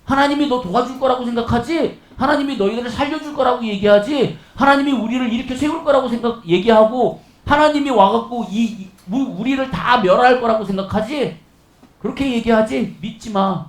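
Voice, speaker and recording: A man's voice: very high-pitched, a little fast, roomy sound. A pastor putting on a mocking Assyrian king. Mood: taunting. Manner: mocking, condescending, casual speech. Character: arrogant taunting male Assyrian king.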